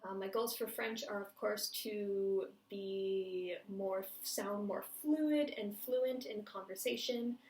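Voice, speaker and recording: In a home room with cars passing outside, a woman records a casual language-learning vlog to camera, using fillers and checking herself as she goes. Her mid-range voice is slow and somewhat dark, with hardly any pauses. The room is echoey and she sits a bit far from the mic.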